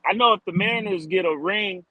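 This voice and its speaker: Pitched high and talking a little fast with a sharp tone, a man answers interview questions as a street drummer. He stays informal and upbeat, frequently saying "like" and "man," though the recording quality is low.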